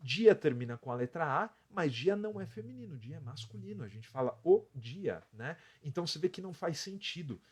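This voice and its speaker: A man's voice: a little high, very animated, fairly quick, hardly any pauses, breathy edge. A Brazilian man teaching English on a live stream, explaining step by step, counting out letters and often adding a tag question. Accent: Brazilian Portuguese.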